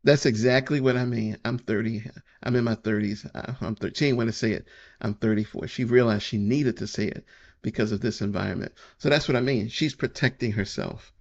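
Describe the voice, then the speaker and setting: A man's voice: medium pitch, brisk, vocal fry, a little mellow, dull audio. A man giving casual reaction commentary, opinionated and repeating his points.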